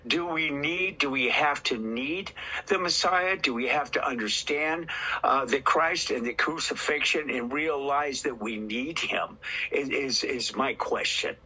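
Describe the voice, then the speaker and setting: A husky man with a bright, edgy voice poses searching questions in a Bible study. He hesitates and circles back as he talks. His voice comes through thin and lo-fi. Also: medium pitch, a little slow. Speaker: study group member. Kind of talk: casual Bible discussion.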